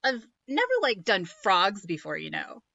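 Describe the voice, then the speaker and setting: Woman doing a ditzy valley-girl fairy godmother, airy, bright, storybook. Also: mid-range voice, very animated, a little slow, gravelly, dull audio, full character voice. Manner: filler-heavy, airy, careless.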